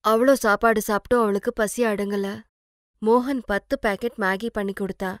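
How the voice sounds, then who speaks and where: A woman telling a cartoon moral story in steady scripted narration. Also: medium pitch, normal speed, no echo, clean studio sound.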